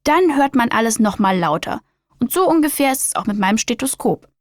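A woman's voice: fairly high pitch, very animated, brisk, no echo, studio quality. A woman voicing a kind, patient male children's doctor in a storybook, encouraging and explaining.

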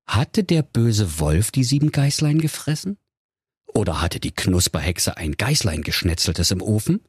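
A man's voice: deep voice, slightly rough, no room sound, clean studio sound. A man telling a comic fairy-tale parody in a playful, theatrical way. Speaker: narrator.

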